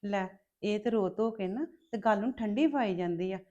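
An actress playing a scheming, sharp-tongued sister-in-law who accuses and taunts the family. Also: female voice, medium pitch, moderate pace, lo-fi sound, natural voice. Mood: taunting. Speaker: actor in a family web drama.

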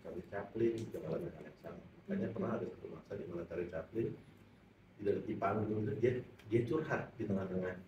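A man with an Indonesian accent, a cast member speaking in casual chat at a press event, lively and joking. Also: lowish voice, fast, lo-fi sound. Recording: echoey room, distant mic, background noise.

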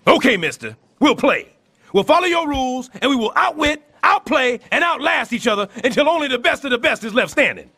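An actor playing a blustery, scheming middle-aged husband and building super in an animated sitcom. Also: male voice, extremely high pitch, brisk, vocal fry, breathy edge, full character voice.

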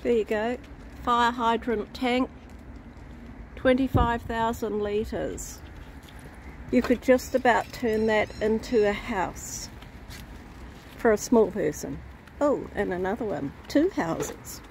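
A woman vlogging outdoors while walking her dogs, chatting in an easy, unhurried way to viewers and her pets, recorded on a handheld phone. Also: fairly high pitch, a little hiss or hum. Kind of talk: casual walk-and-talk vlog. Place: outdoors on suburban streets. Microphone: phone camera held while walking.

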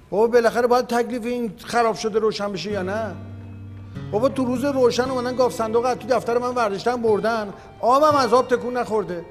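An actor playing a bossy company owner in a TV series, who argues and shouts angrily. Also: male voice, sits high, in a large hall, close to an everyday voice. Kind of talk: TV series acting.

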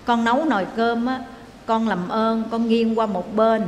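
A woman voicing an elderly, aggrieved mother-in-law who pleads softly with her daughter-in-law. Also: a little high, steady tone, a little slow, slight background noise, natural voice. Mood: pleading. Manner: pleading, coaxing. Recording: echoey hall, faint ambience.

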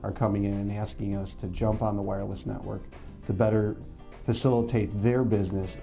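A man in his forties with a fairly low voice, matter-of-fact as he explains a network setup in a corporate testimonial. The sound is a bit muffled, with faint music underneath. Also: level tone, fairly quick, creaky. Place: indoor studio before a logo backdrop. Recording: slightly dull audio with faint music.

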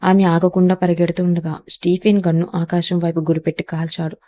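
A woman storyteller reading a dramatic romance story in steady, scripted narration. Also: lowish voice, fairly quick.

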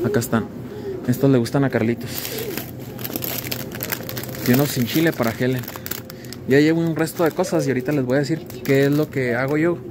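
Young Mexican man, casual vlogger, chatty asides, handheld camera, noisy shop. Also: medium pitch. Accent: Mexican Spanish. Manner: chatty, conversational, wandering asides. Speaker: vlogger, snack maker. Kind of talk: casual chat while filming. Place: small grocery store.

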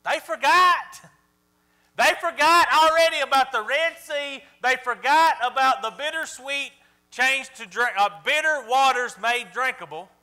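High-voiced preacher guy, sharp tone, keeps asking the crowd if they got it. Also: measured pace. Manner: emphatic, quizzes the congregation. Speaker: pastor. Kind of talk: sermon.

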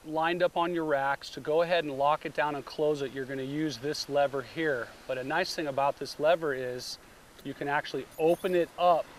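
Out at the beach next to a car, a middle-aged man presents a roof rack product, laying out plain instructions step by step. The camera-mic recording has slight background noise, and his voice is fairly high-pitched.

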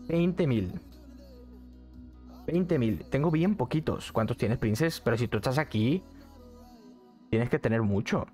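A man's voice: medium pitch, lively intonation, a little slow, pauses often, mellow, faint music behind. A young man, chatting casually on a live stream from a neon-lit bedroom, repeating phrases and reading the chat aloud. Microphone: studio mic on arm, headset.

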